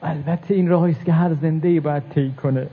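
A man preaching a religious mourning sermon, reciting Arabic verses and moving between hushed telling and rising lament. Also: fairly high pitch, steady tone, breathy edge. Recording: tinny phone-like recording.

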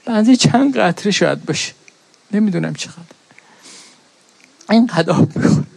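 A middle-aged man delivers a mourning sermon in a high, slightly mellow, husky voice with lively intonation and vocal fry. He shifts from plain storytelling into an impassioned, lamenting chant of recited verses. The recording is dry and close, with no room sound.

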